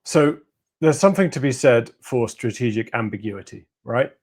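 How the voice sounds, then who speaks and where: A man's voice: medium pitch, lively intonation, normal speed, darkish tone. A man, a guest analyst, giving sardonic, analytical answers in a political discussion interview.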